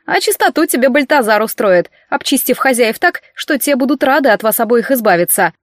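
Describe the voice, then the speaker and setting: A woman reading the part of a brisk, businesslike woman boss, a witch who speaks in a curt, matter-of-fact way. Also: a little high, animated, dry recording, studio quality, natural voice. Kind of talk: audiobook character voice.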